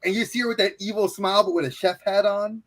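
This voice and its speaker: A man's voice: high voice, fast. A man co-hosting a podcast, chatting animatedly and enthusiastically with a casual, slangy manner. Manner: animated, enthusiastic, uses "bro" and "dude". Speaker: podcast co-host.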